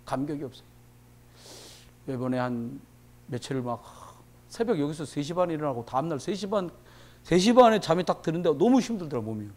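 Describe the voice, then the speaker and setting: A man preaching a sermon as pastor, telling lively stories and swinging from quiet low asides to loud emphatic peaks. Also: fairly quick, long pauses. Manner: animated storytelling, acts out quoted voices.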